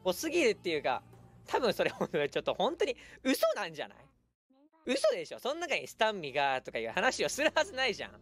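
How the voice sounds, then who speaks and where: A man giving lively live commentary while streaming a game, breaking into quick shouted reactions and laughs. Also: high-pitched, soft background music.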